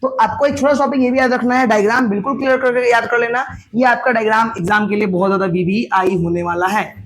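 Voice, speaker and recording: A man's voice: very high-pitched, fairly even intonation, quick pace, fairly bright tone, slight background noise. A male teacher lecturing at a board, explaining step by step, asking questions and answering them himself, with terms.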